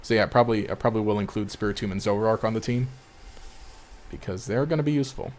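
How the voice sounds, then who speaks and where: A man's voice: fairly low pitch, fast talker, a little mellow, a little hiss or hum. A man casually commenting on his own gameplay during a live stream, rambling, laughing often and trailing off mid-sentence.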